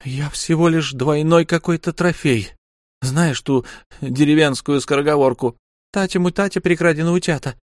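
A man's voice: a little high, normal speed, no echo, pitched above the performer's own voice, close to an everyday voice. A man doing a defiant young alien wife, her voice lifted and taunting, every line laced with mockery. The recording is dry and close, with no room sound at all. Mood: mocking. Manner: teasing, mocking, raised tone.

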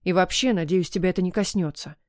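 A husky, possessive young fiancé , as a woman reader puts him on, talks in curt, insistent bursts with a rumbling, slightly lowered tone. The audiobook recording is dry and close, with no room around the voice. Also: fast, dry recording, close to an everyday voice. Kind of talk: audiobook romance reading.

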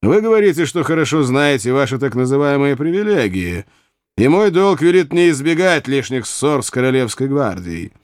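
A man voicing a cold, stern provost in an audiobook, speaking in a low, measured, restrained way. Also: no room sound, studio quality, lightly acted. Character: cold stern male provost, calm and menacing. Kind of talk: audiobook character reading.

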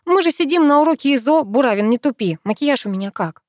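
A woman voicing a sassy, quick-tempered teenage girl in an audiobook, with snappy, mock-stern lines. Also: high voice, expressive, a little mellow, no echo, studio quality, voice pushed up.

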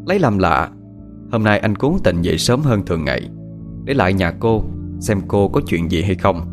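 A man with a Southern Vietnamese accent narrating a ghost story in a dramatic, expressive way. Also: low-pitched, moderate pace, over music.

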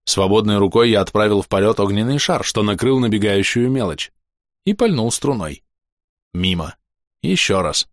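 A man narrating a first-person fantasy action audiobook with brisk, vivid reading. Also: fairly low pitch, animated, dry recording, studio quality.

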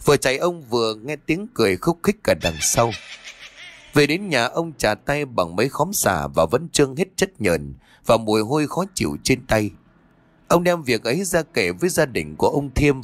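A man narrating a spoken audio story in an expressive, measured storytelling manner. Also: mid-range voice, no echo. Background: faint background music.

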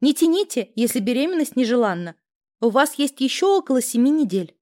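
A weary woman doctor in an audiobook, as a narrator puts her on. Her words come out brisk and clinical, in a voice set a little higher than plain narration. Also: big pitch swings, darkish tone. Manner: brisk, clinical, matter-of-fact.

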